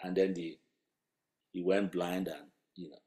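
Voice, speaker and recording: A man's voice: deep voice, fairly even intonation, a little slow, darkish tone. A man preaching a sermon in a conversational, emphatic way, asking rhetorical questions. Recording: roomy echo.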